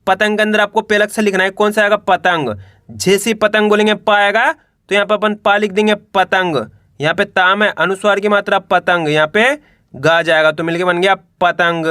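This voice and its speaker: A man's voice: sits high, steady tone, moderate pace, pushed and bright, dry recording, clean studio sound. A man teaching a reading lesson, sounding out words syllable by syllable and quizzing the viewer.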